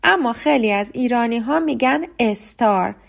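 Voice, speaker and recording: A woman's voice: on the high side, expressive. Persian-speaking woman teaching pronunciation. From Iran. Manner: clear, explanatory, slows down to model example words. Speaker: podcast host teaching English pronunciation. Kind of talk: scripted lesson monologue.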